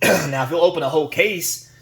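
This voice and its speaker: A man hosting a casual card-opening vlog, chatty and folksy, getting over a cold and clearing his throat now and then. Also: a little high, brisk, a bit bright. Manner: chatty, folksy, airline-captain catchphrases. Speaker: YouTube card channel host.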